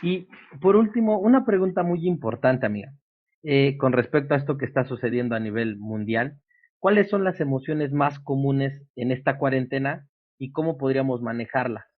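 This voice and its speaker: A man's voice: medium pitch, lively intonation, normal speed. A man hosting an interview, politely asking the guest a question. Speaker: interviewer host. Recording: tinny phone-like audio.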